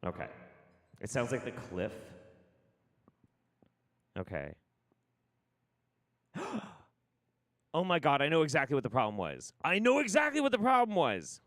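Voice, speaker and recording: A man's voice: mid-range voice, huge pitch swings, unhurried, pauses often, a bit bright. A male host in his home studio, chatting loosely and swearing, his voice on a mic with a cave-like echo. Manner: rambling, swearing, laughing at himself. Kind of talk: casual online show chat. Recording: echoey mic with long reverb.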